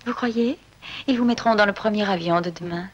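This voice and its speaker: An actress playing a firm interrogator who applies pressure in a 1970s film drama. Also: female voice, mid-range voice, fairly quick, dull audio, close to an everyday voice. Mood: firm, threatening. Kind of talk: 1970s French-language film drama acting. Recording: faintly noisy old film soundtrack.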